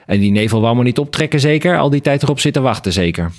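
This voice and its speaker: A man's voice: mid-range voice, expressive, quick pace, pitched above the performer's own voice, close to an everyday voice. A man voicing a young male bat, sulky and urgent, in a storybook reading. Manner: sulky, urging.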